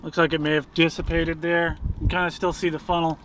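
A man's voice: a little high, level tone, quick pace, fairly bright tone. Man on a noisy storm-chasing livestream. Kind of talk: casual live commentary to viewers. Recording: clear vehicle and ambient noise.

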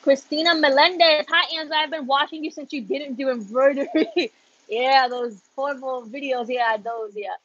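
Speaking at a moderate pace, this young adult woman has a high-pitched, fairly bright voice. She's an embroidery business vlogger whose first language is Spanish, chatting casually in English and Spanish on a livestream from her indoor embroidery studio. The wireless earbud recording has no room sound but comes across muffled.

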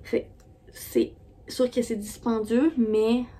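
A woman's voice: a little high, steady tone, slow, dark tone. Chatty Québécois woman reviewing products. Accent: Québécois French. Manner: chatty, rambling with many fillers and restarts. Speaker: beauty vlogger.

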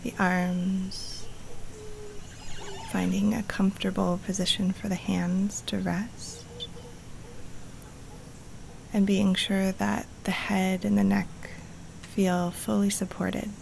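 A yoga nidra teacher guides a relaxation meditation outdoors in the jungle, her soft, breathy, partly whispered medium-pitched voice calm and soothing, with long pauses. The live, low-quality recording has a little hiss or hum, and faint jungle birds and insects sound behind her.

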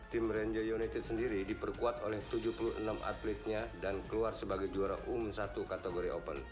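A man reading a scripted news voice-over in an even, formal way. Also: fairly low pitch. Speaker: news narrator. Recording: voice-over with loud music behind.

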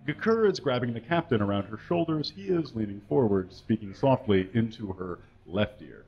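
On a small indoor stage with curtains, before a live audience, a male comedy show performer reads fan fiction into a microphone on a stand. His dramatic reading is mock-earnest and exaggerated, and he spells out the mistakes and punctuation as he goes. His lowish voice is expressive and a little fast, and the recording is muffled.

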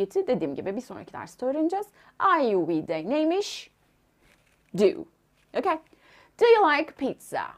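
Young woman teacher, high voice with very lively swoops in pitch, slow and clear on the example sentences. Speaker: English teacher. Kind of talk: language lesson.

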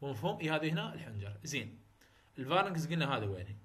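In this university phonetics lecture, the Iraqi-accented man talks rapid-fire in a slightly high, very animated voice with a fairly bright tone. He repeats terms, confirms the students follow, and blends English words into his Arabic.

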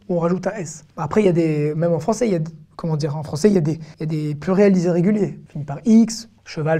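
Mellow-voiced woman teaching a language lesson. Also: on the low side. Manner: repeats each word slowly and clearly, then explains. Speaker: Hebrew teacher.

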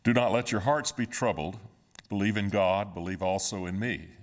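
A man in his fifties, a pastor at a pulpit in a church sanctuary, opening a sermon and reading scripture in a calm, measured way. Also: on the low side. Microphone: standing at a pulpit, far camera.

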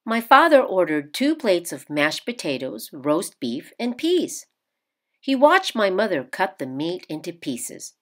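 A children's picture book is read aloud by a woman whose voice is fairly low, delivered in a deliberate and expressive storyteller's manner.

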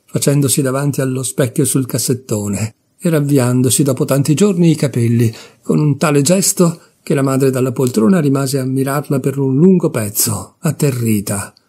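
A man reading a classic novella aloud in a measured, expressive narration. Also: mid-range voice, husky. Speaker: reader of literature.

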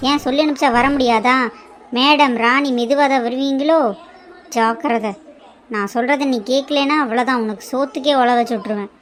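A woman's voice: sits high, moderate pace, natural voice. A woman voicing a harsh, scheming middle-aged stepmother who scolds and threatens in a cartoon. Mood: threatening. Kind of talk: cartoon voice acting.

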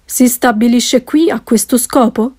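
A woman reading an audiobook, voicing a calm, ironic middle-aged husband who teases his wife dryly. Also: a little high, a little slow. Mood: wry.

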